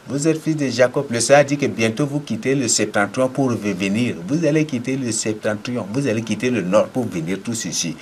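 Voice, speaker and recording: Male preacher, low register, emphatic deliverance sermon with a faint ambient hiss. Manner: commanding, repetitive declarations with sudden emphatic rises.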